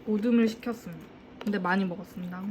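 A woman's voice: mid-range voice, fairly even intonation, fast talker, a little mellow, a little hiss or hum. A young woman chatting casually with a friend, teasing in a playful mock-formal polite tone. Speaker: friend giving gifts. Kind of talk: casual chat.

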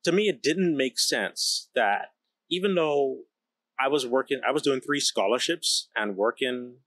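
Seated on a big electronics production floor, a Bahamian founder and engineer in his thirties speaks with emphasis and candor about his story into a boom-mounted podcast mic. He talks unhurriedly at medium pitch with lively intonation and a slightly bright tone, and no room sound comes through.

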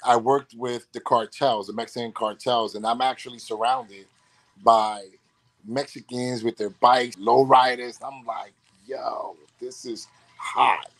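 A man's voice: medium pitch, measured pace. A man, an actor telling stories in a casual interview and acting out the lines he quotes. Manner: animated storyteller, acts out quotes.

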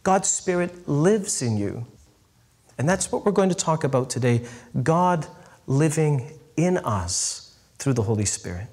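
A middle-aged priest with a slightly high voice delivers a sermon to a live audience. He tells stories with lively emphasis and slows down to land his key points.

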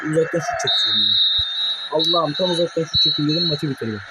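A young man commentating his own mobile football match for viewers, excitable and quick to curse at his players in frustration. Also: a little high, very noisy. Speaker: gaming YouTuber.

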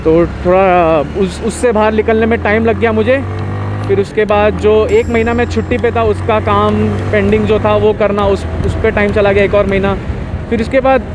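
A young man, chatting in a rambling, easygoing way while riding a motorbike on a highway and mixing in English words. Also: fairly even intonation, normal speed, background noise. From India. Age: young adult. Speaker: motovlogger. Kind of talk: casual chat while riding.

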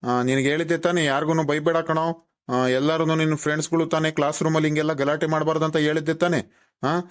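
A strict but kindly village schoolteacher in a cartoon, voiced by a man, speaking in a somewhat high voice with a rural Karnataka Kannada accent. He scolds and lectures his class, tossing a questioning "aa?" after each point. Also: little pitch movement, brisk, lightly acted. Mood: scolding. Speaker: teacher. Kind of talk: cartoon voice acting.

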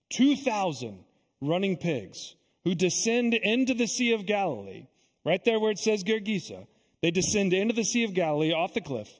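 A pastor preaching a sermon in a church, earnest and deliberate, pausing often and repeating his phrases for weight. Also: high-pitched. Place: church sanctuary. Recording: long echo of a church sanctuary.

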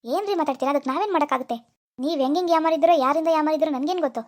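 Cartoon: woman doing a high-pitched, rapid-fire, impatient shopkeeper who scolds. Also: a little mellow, close to an everyday voice. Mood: scolding. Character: irritable male pawnbroker, bossy and scornful. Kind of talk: animated cartoon dialogue.

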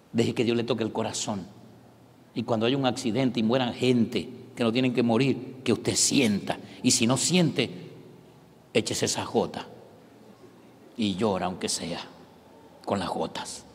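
Venezuelan preacher with big hall echo. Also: male voice, on the low side, a little slow, pauses often. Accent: Venezuelan Spanish. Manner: dramatic, swinging from shouts to whispers. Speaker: pastor. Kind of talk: live sermon. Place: large church hall. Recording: long reverb of a large church hall.

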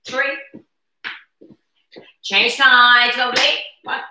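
Casting: female fitness instructor, very bright and forceful, counting workout reps, heard in a very echoey room. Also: on the high side, drawn-out words, a little hiss or hum. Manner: counting workout reps aloud in short cues; energetic, encouraging while exercising. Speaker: aerobics instructor leading chair exercises. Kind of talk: live fitness class coaching. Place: brick-walled living room at home. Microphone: camera a few metres away. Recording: roomy echo, distant camera microphone.

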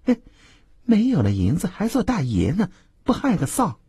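A man voicing a coy young woman courtesan who wheedles in a high voice. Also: huge pitch swings, normal speed, darkish tone, breathy edge, dry recording, clean studio sound, full character voice. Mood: scornful.

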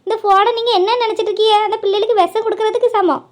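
A woman's voice: extremely high pitch, steady tone, rapid-fire. A woman voicing an earnest, protective young mother who lectures her elders. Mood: lecturing.

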